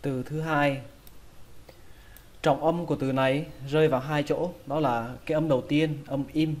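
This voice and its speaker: A man's voice: fairly high pitch, steady tone, normal speed, darkish tone. A man with a Vietnamese accent teaching English vocabulary, patiently repeating each word several times. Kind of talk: pronunciation lesson.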